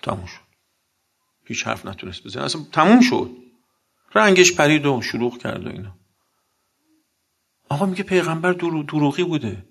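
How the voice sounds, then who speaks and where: A man's voice: fairly high pitch, vocal fry, fairly bright tone. A man giving a blunt sermon, telling combative anecdotes and acting out the dialogue.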